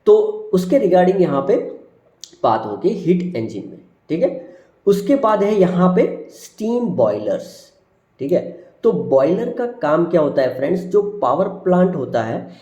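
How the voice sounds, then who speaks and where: A male engineering lecturer with a slightly raised, soft, mellow voice, recorded in a roomy, echoing space. He reads out technical one by one, each dropping at the end. He keeps tagging "ठीक है" onto his points and calls his viewers friends. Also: fairly high pitch, dull audio. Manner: addresses viewers as friends, repeats "ठीक है" constantly; lists terms one by one, falling at each item. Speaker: engineering teacher. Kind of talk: subject introduction lecture over slides.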